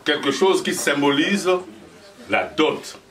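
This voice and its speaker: A man's voice: a little high, expressive, takes it slowly, fairly bright tone. A man leading a dowry ceremony, speaking solemnly to the bride and guests with repeated, emphatic phrases and jokes. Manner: solemn, then joking with the crowd. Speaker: ceremony officiant. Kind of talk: addressing a crowd at a dowry ceremony. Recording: distant voice in a noisy crowd.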